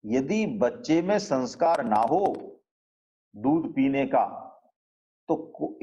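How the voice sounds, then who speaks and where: A man teaching a class on a spiritual scripture, explaining slowly and checking in with the listeners through rhetorical questions. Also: mid-range voice, mellow, low-quality recording.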